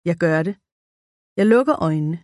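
A woman narrating a children's audiobook in a clear, measured reading voice. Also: on the low side, expressive, a little mellow, no room sound, studio quality. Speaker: audiobook reader.

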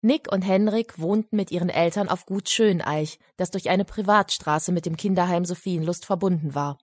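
A woman reading a children's story as audiobook narrator, calm and even. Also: on the low side, moderate pace, no echo. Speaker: audiobook reader. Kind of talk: scripted narration. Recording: dry studio voice.

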